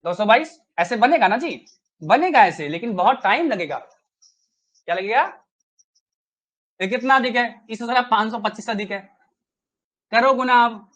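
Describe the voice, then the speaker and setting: A man's voice: sits high, a bit bright. A man teaching a live online maths class, chatty and coaxing, who keeps quizzing his students with rhetorical questions.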